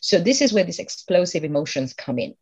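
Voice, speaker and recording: A middle-aged woman calmly explaining advice step by step, mixing in stories from her own life. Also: on the low side, fairly quick, husky, muffled recording. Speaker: guest expert on emotional intelligence. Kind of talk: conversational advice in an interview.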